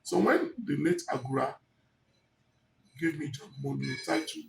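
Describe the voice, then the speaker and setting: A middle-aged interview guest with a Nigerian English accent speaks a little slowly in a slightly high voice with vocal fry. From a living room sofa, he tells his life story emphatically and expansively, with many fillers, into a handheld mic held by the interviewer. There's a little hiss or hum in the roomy, slightly distant recording.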